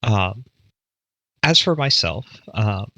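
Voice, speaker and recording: A man's voice: on the low side, very animated, slow, bright, forceful tone, dry recording. A man playing a paladin at a tabletop game, hesitant and checking his notes. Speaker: player.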